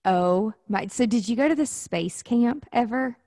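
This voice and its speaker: A woman's voice: a little high, lively intonation, a little slow, dark tone, no room sound, studio quality. A woman hosting a business podcast, upbeat and bubbly, chatting casually and laughing often with her guest. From US South. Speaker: podcast host. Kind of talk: casual interview chat.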